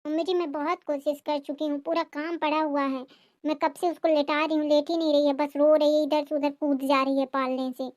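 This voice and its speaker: A woman's voice: high voice, little pitch movement, fairly quick, a little mellow, dry recording, studio quality, natural voice. A woman voicing a weary young mother and daughter-in-law who pleads and explains in a cartoon family drama. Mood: pleading.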